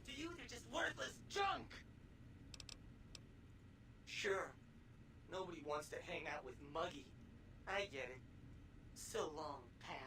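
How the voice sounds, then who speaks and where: A woman voicing a tiny, neurotic robot obsessed with coffee cups, swinging between whispers and shouts. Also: fairly low pitch, sing-song, slow, long pauses, a little hiss or hum, heavily acted. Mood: manic lonely. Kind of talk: video game voice acting. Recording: game audio from far off with loud music.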